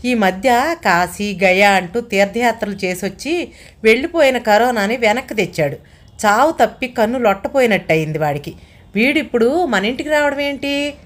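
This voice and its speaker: Brief: shrill scolding older housewife, sarcastic and anxious, read by a woman storyteller. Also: normal speed, natural voice. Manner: scolding, anxious, higher and louder than narration. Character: fussy sharp-tongued older wife, sarcastic.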